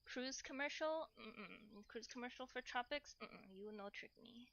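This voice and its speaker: Cooking during a livestream, a woman with a fairly high, gravelly, somewhat bright voice talks to viewers at a measured pace. She's playful and rambling, repeating short phrases and slipping into cutesy broken grammar. The sound is lo-fi.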